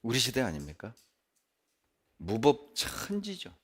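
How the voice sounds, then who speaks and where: A man preaching a sermon in a church at an average pitch, yet with a voice that swings widely, jumping high for emphasis and dropping low and quiet. His delivery is emphatic and animated. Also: takes it slowly, husky. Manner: animated, emphatic preaching with sharp rises and drops. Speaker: pastor.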